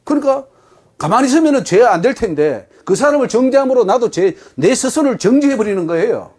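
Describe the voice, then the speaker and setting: A male pastor with a Gyeongsang accent delivers an emphatic sermon. His voice sits high and swoops up and down, and he keeps putting rhetorical questions to his congregation. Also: lively intonation, fairly quick, darkish tone. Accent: Gyeongsang Korean.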